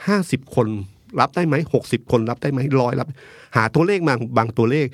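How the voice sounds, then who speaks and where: A man's voice: mid-range voice, brisk, no echo, clean studio sound. A man commenting on politics in a talk show discussion, arguing his points with vivid analogies. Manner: animated, argumentative, uses vivid analogies.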